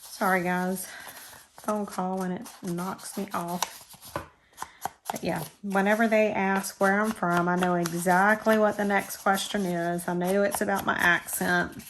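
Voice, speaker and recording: Chatting casually about crafts, this crafting channel host rambles along in a self-deprecating way while her hands stay busy at the table. She's a middle-aged woman from Florida with a South Georgia drawl, speaking unhurriedly in a level, mid-range voice over a noisy background.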